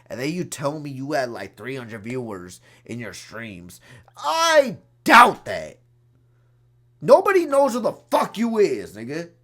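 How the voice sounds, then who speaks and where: Man streamer, crash-out rant to chat, pitch jumping all over, goes from shouting to mumbling. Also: big pitch swings, moderate pace, few pauses. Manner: profane, swings from shouting to low mutters; repetitive, talks straight to viewers. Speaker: livestreamer.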